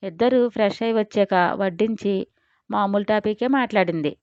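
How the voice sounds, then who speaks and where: A woman storyteller reading an audio story in a steady, expressive way. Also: mid-range voice, normal speed, smooth, dry recording, dull audio. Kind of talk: scripted audio-story narration.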